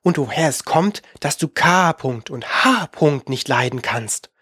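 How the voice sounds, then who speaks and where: A reader voicing a polite, curious young girl, eager and quick to apologise. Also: medium pitch, animated, fairly bright tone, breathy edge, no echo, clean studio sound.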